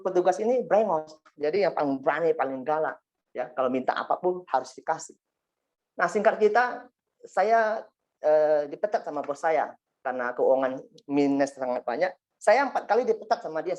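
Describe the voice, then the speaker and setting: A man's voice: on the high side, expressive, normal speed. A man giving a spoken testimony to a congregation, telling his story in a rambling way with frequent asides to the listeners. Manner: rambling storytelling, frequent 'ya kan' and 'singkat cerita' asides. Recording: dull lo-fi recording.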